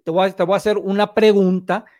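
A man's voice: high-pitched, little pitch movement, fast talker, darkish tone. A man hosting an interview, asking long, rambling questions. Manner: long rambling questions, frequent short backchannels. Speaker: interviewer, host. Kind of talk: casual interview.

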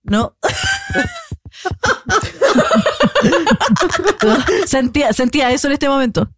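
A woman's voice: fairly high pitch, very animated, a little fast, a loud crowd. A young woman with a Chilean accent, chatting casually as a podcast co-host and acting out bits of dialogue in her jokey stories. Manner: slangy, jokey storyteller who acts out dialogue. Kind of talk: casual chat.

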